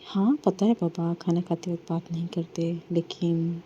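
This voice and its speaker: A woman's voice: fairly low pitch, steady tone, measured pace, warm tone, muffled recording, slight background noise, pitched below the performer's own voice, lightly acted. A woman doing a teasing, self-assured young woman. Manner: playful, coolly formal when angry.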